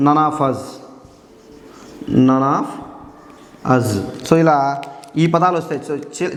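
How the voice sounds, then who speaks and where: A man teaching an English grammar lesson in Telugu. He repeats key words slowly and puts questions to the class. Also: fairly high pitch. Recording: echoey room with long reverb.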